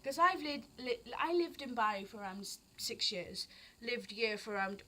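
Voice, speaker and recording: A young teenage girl from Wales rambles casually on her vlog. Her Welsh accent carries an English tinge, and her voice is bright and sits a little high. She often stops to correct herself mid-sentence. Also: lively intonation, moderate pace. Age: teens. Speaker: vlogger. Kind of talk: casual chat.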